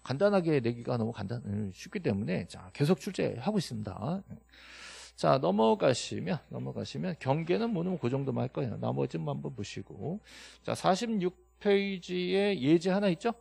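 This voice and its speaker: A man teaching a classroom lecture, emphatic and quizzing his students with quick questions and answers. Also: on the high side, sing-song, gravelly, a little mellow, slightly rough, no room sound. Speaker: real estate law instructor.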